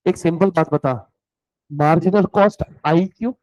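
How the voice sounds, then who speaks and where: A man's voice: fairly high pitch, normal speed, a little mellow, no room sound, low-quality recording. A male economics teacher with a sore throat, lecturing a class and teasing his students while switching between Hindi and English definitions.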